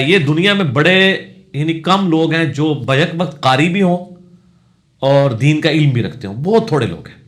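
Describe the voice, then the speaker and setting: Male scholar, Punjabi accent, higher register, Q&A lecture, corrective and explanatory. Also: fairly bright tone. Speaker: religious scholar answering questions. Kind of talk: Q&A lecture on pronunciation.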